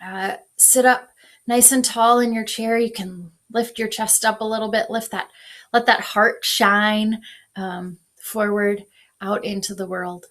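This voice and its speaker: Woman, devotional leader; calm, slow-paced guided breathing, steady medium voice. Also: mid-range voice. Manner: calm, unhurried guidance.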